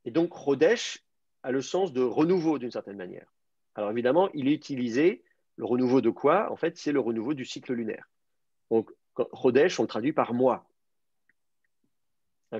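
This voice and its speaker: The instructor, a man, has a medium-pitched voice that's creaky, a little mellow and slightly rough. He's teaching advanced Hebrew online, working through grammar and word roots amid many fillers and restarts, on a dull lo-fi recording without echo.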